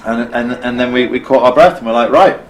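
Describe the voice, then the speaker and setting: A man's voice: mid-range voice, little pitch movement, fast, slight background noise, rough recording. A British man and filmmaker, interviewed as a guest, telling a vivid story in conversation, acting out what people said and often restarting his sentences. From Britain. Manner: vivid, acts out quotes, frequent restarts. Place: costume shop.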